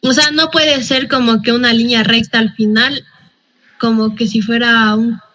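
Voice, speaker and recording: A woman's voice: a little high, fairly even intonation, moderate pace, a bit bright. A woman student asking questions in a makeup class, hesitant and searching for words. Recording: dull lo-fi sound.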